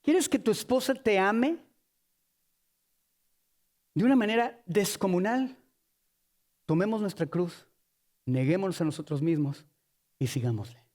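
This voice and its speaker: A man with a Mexican accent preaching a sermon in an animated, colloquial, joking manner. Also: high-pitched, a little slow, pauses often.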